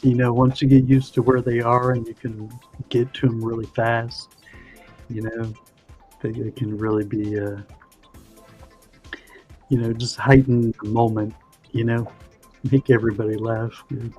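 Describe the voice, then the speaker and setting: A man's voice: mid-range voice, flat delivery, unhurried, pauses often, darkish tone, soft background music. A man hosting a livestream, chatting casually and explaining things in a rambling way with lots of "you know". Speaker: livestream host. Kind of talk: casual chat.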